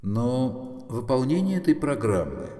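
A man voicing a vast female supercomputer that speaks slowly, calmly and condescendingly. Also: medium pitch, reverberant, in a large hall, soft background music, voice pushed up. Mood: smug. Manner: slow, measured, condescending. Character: vast, calm, self-satisfied female supercomputer.

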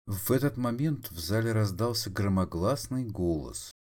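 A man narrating an audio drama in an expressive, theatrical way. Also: on the low side, normal speed.

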